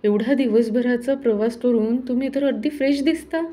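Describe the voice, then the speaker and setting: A woman voicing a reserved, caring middle-aged wife in a storybook reading, speaking in a brisk, homely way. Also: on the high side, fairly even intonation, warm tone, natural voice.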